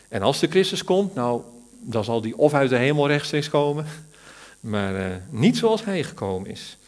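A man teaching from the Bible in a sermon, thoughtful and searching for words, rising to stress key words. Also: mid-range voice.

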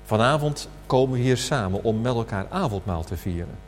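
A man preaching a sermon at a communion service, slow and emphatic, asking rhetorical questions. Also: medium pitch, expressive. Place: church hall. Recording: reverberant hall with faint hum.

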